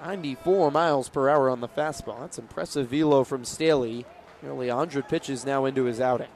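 Working the radio booth at an outdoor ballpark, this young broadcaster delivers live baseball play-by-play in a medium-pitched, slightly dark voice at a fairly quick clip. The ballpark crowd and stadium sounds carry behind his call.

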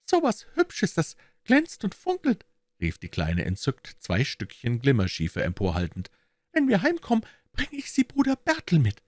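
A man voicing a pale little girl of about five in an audiobook, with a high childlike falsetto and a plaintive manner. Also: wildly swooping pitch, normal speed, no room sound. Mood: delighted. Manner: plaintive, then bright and eager. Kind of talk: audiobook character voice.

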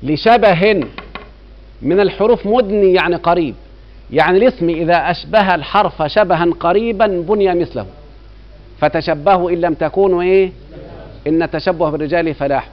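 A man's voice: high-pitched, fairly quick. Egyptian man teaching grammar, quizzing students. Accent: Egyptian Arabic. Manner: keeps quizzing students with rhetorical checks. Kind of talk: classroom lecture. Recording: dull lo-fi recording.

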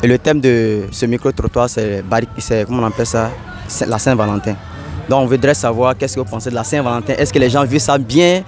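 A young man with a Togolese French accent presents street interviews to camera outdoors, holding a small mic right at his mouth. His medium-pitched voice is steady and brisk, with faint music in the background.

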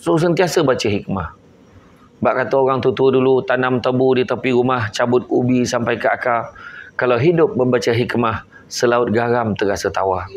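Joking Malaysian preacher, live talk. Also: male voice, medium pitch, normal speed, a little hiss or hum. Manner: joking and teasing with the crowd, switching between I and aku. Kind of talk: comedic religious talk to a live audience.

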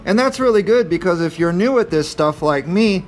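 A fairly high-voiced man in his thirties talks through a tool unboxing in a cluttered garage workshop. He rambles in a plain, easygoing way and pokes fun at himself, picked up on the camera's own mic with faint music behind. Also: animated, normal speed. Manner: plain-spoken, rambling, a bit self-deprecating. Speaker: channel host reviewing tools. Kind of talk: casual unboxing chat.

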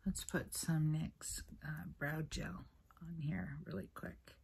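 Woman beauty vlogger, slow husky voice, half-whispered, camera mic, casual makeup chat. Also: deep voice, fairly even intonation. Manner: soft, half-whispered, rambling and apologetic. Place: at her mother's place. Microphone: built-in camera mic, no separate mic.

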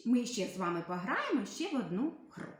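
A woman teacher giving a literacy lesson to young children, spelling out sounds slowly and asking questions she then answers herself. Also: a little high, very animated, very echoey. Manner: slow, sing-song, carefully spelled-out sounds.

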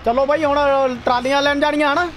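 A young man streams a game and chats casually with his friend. His voice is high and excitable, with short repeated exclamations. Faint engine and outdoor game noise sits behind him. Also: fast. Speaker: gaming streamer. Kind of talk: casual gameplay commentary with a friend. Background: tractor game sounds.

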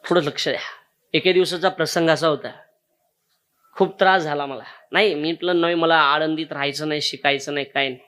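A man's voice: on the high side, fairly even intonation, a little fast, a bit bright. A man, preaching a kirtan sermon and telling a moving story straight to his listeners. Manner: emotional storytelling, addresses audience directly.

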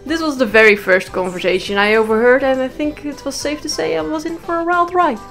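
A young woman telling funny stories in a sarcastic, deadpan way. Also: high-pitched, brisk. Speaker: comedic storyteller. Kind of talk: comedic storytime monologue. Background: faint music.

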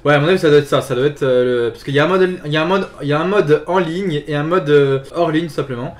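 A man casually commenting on his own gameplay, chatty and full of fillers, with excited yelps when the fighting gets hot. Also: a little high, fast talker. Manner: chatty, filler-heavy, repeats "tout simplement". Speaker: gaming video host. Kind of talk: casual let's play commentary.

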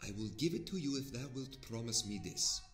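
Close to an everyday voice, this man speaks at medium pitch, animated and a little fast, while voicing an old scholar who holds an ancient scroll. His lines come in grand, archaic lecturing tones, learned and earnest. Roomy reverb and a music bed fill out the audio drama.

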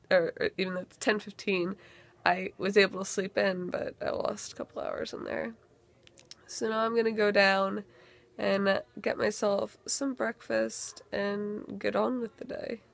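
A young adult woman vlogs casually to a handheld camera or webcam at arm's length from her bedroom at home. Chatty and upbeat, she uses frequent fillers, her medium-pitched voice gravelly, and the recording is dry.

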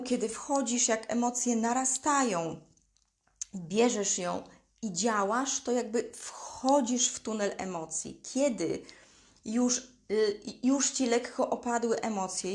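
Higher-pitched woman coaching listeners directly. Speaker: life coach. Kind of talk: live motivational talk.

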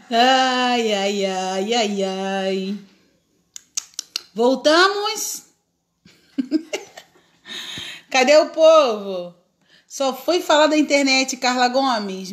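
A Brazilian woman hosting a casual live craft tutorial from home, chatty, laughing often and greeting viewers by name. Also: sits high. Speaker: craft live-stream host.

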